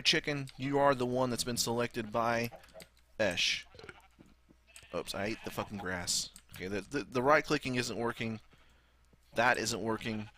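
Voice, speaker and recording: Southern guy doing gameplay commentary, lowish bright voice, rambles n swears a lot. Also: a little hiss or hum. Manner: rambling, sweary, thinking aloud. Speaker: gaming video host.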